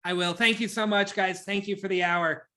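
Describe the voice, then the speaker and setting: Fast, bright-voiced man presenting a webinar. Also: high voice, fairly even intonation. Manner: rapid, enthusiastic, self-described nerd.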